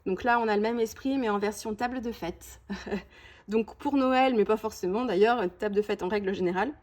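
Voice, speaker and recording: A woman's voice: mid-range voice, moderate pace, darkish tone. A woman presenting a scrapbooking collection in a casual show-and-tell, chatty and full of small "hop" and "voilà" asides. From France. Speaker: scrapbooking video host.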